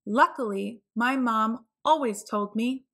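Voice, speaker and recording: Reading a children's picture book aloud, a woman with a fairly high voice narrates slowly in an expressive storytelling style. She phrases each line clearly for young listeners.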